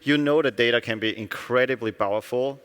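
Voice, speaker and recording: A man's voice: mid-range voice, fairly quick, fairly bright tone, clear, resonant tone. Middle-aged guy from austria doing a keynote, chatty, keeps tossing in "right?", echo from a big hall. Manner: conversational, often asks "right?" of the audience. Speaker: company executive giving a keynote. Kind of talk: conference keynote talk. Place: conference hall. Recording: long hall reverb.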